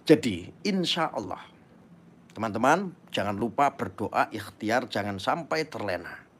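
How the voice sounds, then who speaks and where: A man's voice: on the low side, a bit bright, slightly rough. Fervent man on a live stream. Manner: fervent, preachy, urging viewers. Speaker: YouTube channel host. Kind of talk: casual live-stream talk.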